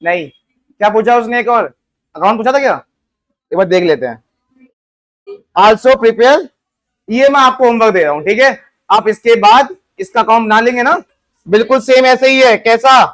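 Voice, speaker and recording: A man's voice: very high voice, normal speed, pauses often, fairly bright tone. A man teaching an accounting lesson to a class, coaxing answers out of his students and slipping English terms and figures into his talk. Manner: coaxing, asks students questions and answers them.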